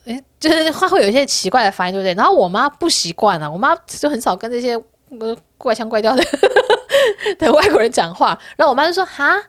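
A woman's voice: fairly high pitch, lively intonation, fast, no echo, clean studio sound. A woman vlogger chatting casually to her viewers, telling candid stories and laughing often. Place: Korea.

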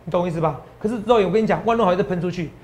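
A man with a Taiwanese Mandarin accent hosting a stock-tips show, animated and boastful, lecturing viewers like students. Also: high voice, racing, a little hiss or hum. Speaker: stock market analyst host.

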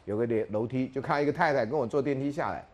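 A man's voice: mid-range voice, quick pace. A middle-aged man with a Taiwanese Mandarin accent giving a university lecture, chatty and storytelling, acting out quotes. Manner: chatty, animated storytelling with acted quotes and laughs. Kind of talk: classroom lecture.

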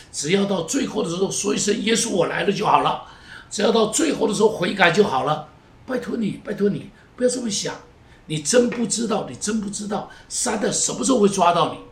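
A male pastor preaching a sermon in an emphatic way, repeating phrases and moving between loud urging and hushed pleading. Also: high-pitched, lively intonation, brisk. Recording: roomy echo, voice from a distance, faint noise.

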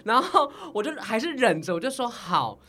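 A woman's voice: a little high, moderate pace. A woman telling stories in a casual chat, acting out the people she quotes. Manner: animated storytelling, acts out quoted people.

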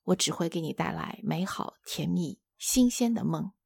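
A woman voicing a clinging lizard in a storybook retelling, coaxing and pleading in a much lower voice than her own. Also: lively intonation, moderate pace, vocal fry, a little mellow, breathy edge, dry recording, exaggerated voice. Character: wheedling lizard clinging to its host.

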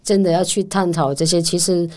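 A woman's voice: on the low side, fairly even intonation, brisk, warm tone. A woman with a Taiwanese Mandarin accent, a language teacher explaining things as a guest in a casual interview and often affirming with short interjections.

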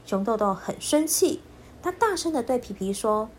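A woman storyteller narrating a children's story. Her voice sits high and moves expressively through a wide range. The delivery is clear and lilting, with faint noise behind her. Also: animated, normal speed, a little mellow.

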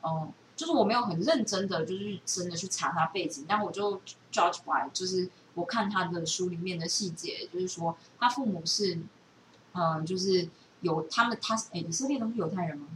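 Rambling as she thinks aloud, a podcast host with a Taiwanese accent keeps the chat casual. Her voice sits on the low side and moves briskly, with reverberation from a distant mic and faint noise behind her.

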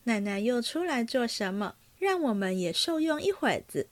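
A woman reading aloud, voicing a cheeky, quick-witted young maidservant with playful retorts. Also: a little high, sing-song.

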